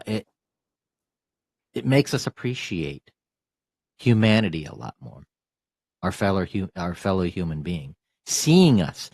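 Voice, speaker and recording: A man hosting an interview, talking casually in a halting way with many restarts. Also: lowish voice, darkish tone, husky, no echo, studio quality. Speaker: host.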